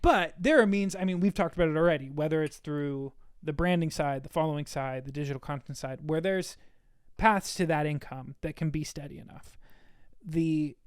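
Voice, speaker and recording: A man's voice: fairly high pitch, moderate pace, clear, resonant tone, no room sound. Dry-humored man in a podcast chat. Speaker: podcast co-host. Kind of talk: casual chat.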